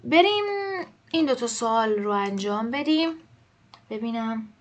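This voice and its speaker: A woman teaching an online language lesson. She explains quickly and reads the example sentences slowly and clearly. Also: on the high side, expressive, dull audio.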